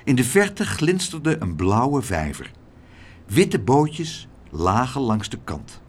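A man reading a children's story aloud as narrator, in an expressive storyteller's way. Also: mid-range voice, slow, breathy edge.

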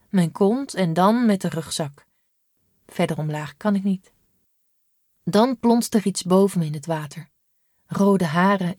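A woman narrating a first-person audiobook in a steady, measured way. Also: medium pitch, dry recording, studio quality. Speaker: audiobook reader.

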